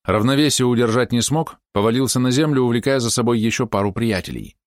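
This scripted audiobook narration comes from a man of medium pitch whose storytelling is measured and expressive. The recording is dry and of studio quality.

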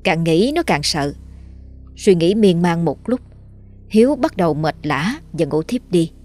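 Low-voiced woman narrating a horror story. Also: animated, unhurried, a little mellow, faint music behind.

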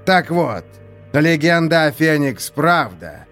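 A man's voice: fairly high pitch, big pitch swings, takes it slowly, a bit bright, soft background music, voice pushed up, heavily acted. A man voicing a scheming, mocking male prison warden who gloats in a theatrical, mock-polite way. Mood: gloating.

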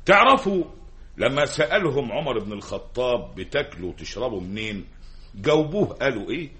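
An actor with an Egyptian accent playing a village sheikh who preaches to children in an old radio play, exhorting and telling stories. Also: male voice, medium pitch, sing-song, fairly quick, bright, forceful tone. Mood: earnest. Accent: Egyptian Arabic. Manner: storytelling, exhorting. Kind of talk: 1960s Egyptian radio drama acting. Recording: echoey, from far off the mic.

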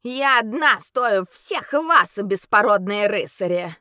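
A woman's voice: medium pitch, expressive, slow pace, pushed and bright, no echo, studio quality, pitched above the performer's own voice. A woman voicing a proud female werewolf noblewoman with a ringing, melodious voice. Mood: furious. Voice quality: ringing, melodious, snarling when angry.

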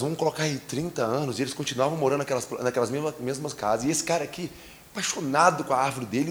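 A man's voice: medium pitch, a little hiss or hum. A man preaching to a youth conference, telling a parable. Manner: animated storytelling with sound effects. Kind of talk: storytelling sermon. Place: conference stage.

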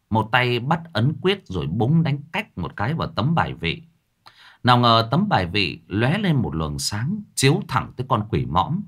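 A man narrating a ghost story in a dramatic, expressive way. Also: on the low side.

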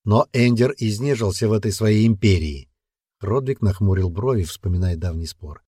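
A man narrates a storybook tale in a steady, even way. His voice is low and dark, husky at the edges, and recorded very dry and close. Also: moderate pace, no echo. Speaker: audiobook narrator. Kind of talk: scripted narration.

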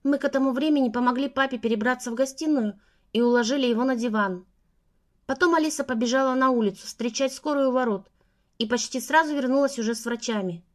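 A woman narrating a first-person story as an audiobook in a steady storytelling manner. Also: fairly high pitch.

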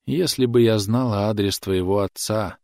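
A man voicing a patient young son who answers his mother softly and wearily. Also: fairly low pitch, moderate pace, vocal fry, no echo, clean studio sound. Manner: soft, weary.

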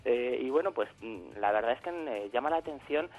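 A man's voice: mid-range voice, animated, moderate pace, muffled recording, faint music behind. A man from Spain, a regular contributor, explaining role-playing games on a radio show in a hesitant way, full of fillers and restarts. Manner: hesitant, many fillers and repeated words. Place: Salamanca, away from the studio.

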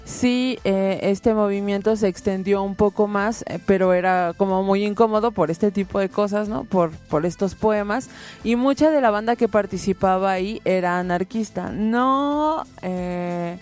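A woman's voice: medium pitch, unhurried, darkish tone, faint music behind. A woman, a radio host who reads poetry aloud and explains it at length with many fillers. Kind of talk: poetry reading and radio chat.

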